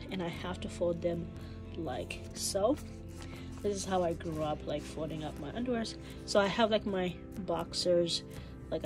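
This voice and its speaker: A young woman from Zambia, chatting casually in a vlog while she packs in her bedroom, laughing often and using many fillers. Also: on the low side. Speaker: vlogger. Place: bedroom at home.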